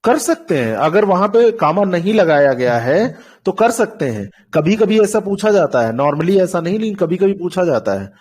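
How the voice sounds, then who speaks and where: A man teaching an online doubt-clearing class, explaining patiently through repeated examples over a call mic. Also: high-pitched, lively intonation, moderate pace, hardly any pauses, a little mellow.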